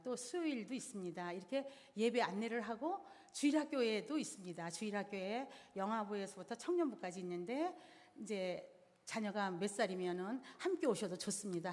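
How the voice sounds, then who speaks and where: A woman's voice: medium pitch, darkish tone. A middle-aged woman giving a church seminar, explaining each step plainly and in order. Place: church hall. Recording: reverberant hall sound.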